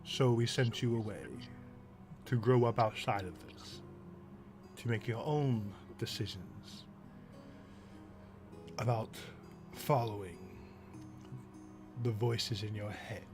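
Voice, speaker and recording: A man voicing a stern royal father who speaks in a grave, measured way in a tabletop game. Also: on the low side, music in the background.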